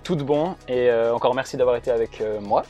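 A man's voice: medium pitch, quick pace, lo-fi sound, music in the background. A man chatting with a guest, hesitant and full of fillers. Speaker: student radio columnist.

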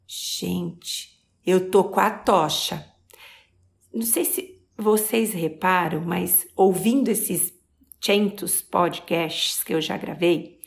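Brief: woman in her 40s with a Brazilian accent, podcast host, gravelly fry in the voice, emphatic motivational delivery. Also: mid-range voice. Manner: expressive, emphatic, stretches key words.

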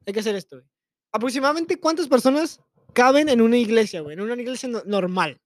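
A man's voice: extremely high pitch, lively intonation, dry recording, studio quality. A young man, co-hosting a casual podcast chat, talking in crude slang and arguing his point. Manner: crude slang, fast, argumentative. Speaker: podcast co-host.

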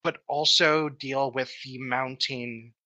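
A woman's voice: extremely low pitch, steady tone, slow pace, pushed and bright, rough recording. A woman in her thirties, a podcast co-host and writer, telling stories in a loose, profane, filler-heavy way. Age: 30s. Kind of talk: casual podcast chat.

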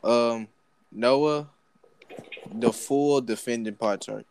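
A rowdy young man hosts a loose chat among friends, cracking jokes and cursing as he fires off questions. His voice sits at an ordinary middle pitch. A faint hiss runs under the recording. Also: slow. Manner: rowdy, joking, swears freely. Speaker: segment host asking questions. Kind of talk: casual group chat.

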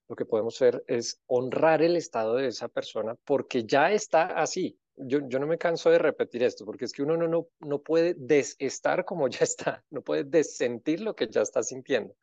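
A man, a guest in an interview, explaining in a calm, reflective way. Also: medium pitch, no room sound. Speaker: guest, grief author. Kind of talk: conversational interview. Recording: dry, dull lo-fi sound.

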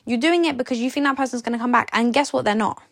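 A woman's voice: fairly high pitch, racing, vocal fry, dry recording, clean studio sound. A young woman hosting a podcast, giving blunt, sleepy, chatty breakup advice with lots of "like" and some swearing. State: sleepy, yawning. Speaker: podcast host. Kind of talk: casual advice monologue.

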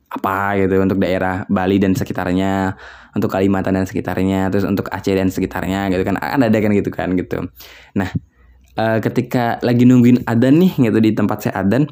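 A man's voice: on the low side, mellow. A young man from West Java in a casual solo chat, rambling and musing aloud with lots of filler words. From West Java, Indonesia.

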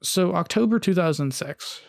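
A man hosting a casual storytelling podcast. He has a gravelly voice pitched a little high. He recounts events haltingly, with many "uh"s and restarts, and the sound is close and dry. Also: lively intonation, dry recording. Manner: hesitant, frequent "uh" and restarts, reads long quotes aloud. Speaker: podcast host.

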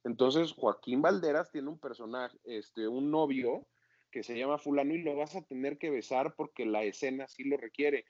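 Animated man, dry dull sound. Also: medium pitch, moderate pace, no echo. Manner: animated, acts out his own self-critical inner voice. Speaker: actor being interviewed. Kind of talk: casual interview talk.

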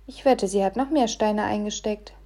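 A woman's voice: mid-range voice, normal speed, warm tone, lightly acted. A woman reading an audiobook, voicing a small, clever and cautious boy with a precise, knowing way of talking.

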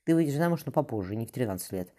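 A stern young mother of noble rank, voiced by a man reading a storybook. She speaks dryly and to the point, quick and low in a mellow, dark tone. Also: animated, natural voice. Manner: dry, brisk.

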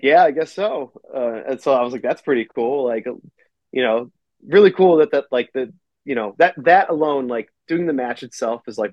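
A man's voice: mid-range voice, no room sound. A man who is a pro wrestler and company owner, a guest on a casual podcast, talking in a rambling, profane way and using "like" constantly. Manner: rambling and profane, heavy on filler "like". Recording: dry, slightly muffled recording.

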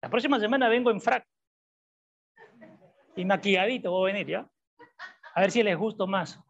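A woman's voice: medium pitch, moderate pace. A woman preaching a sermon, repeating her key points and asking the congregation questions. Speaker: preacher and psychologist. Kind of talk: sermon with Bible reading. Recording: dull lo-fi recording.

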